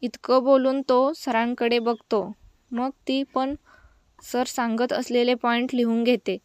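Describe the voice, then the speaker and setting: Smooth-voiced woman storyteller. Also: fairly high pitch, little pitch movement, slow, a little mellow, dry recording. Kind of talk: read-aloud story narration.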